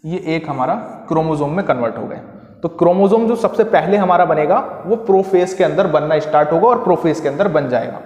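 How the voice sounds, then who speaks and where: High-voiced man teaching in an echoey room. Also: brisk, darkish tone. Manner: asks and answers own questions, repeats key terms. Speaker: tutor. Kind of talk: classroom lesson explaining diagrams. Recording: echoey room with long reverb.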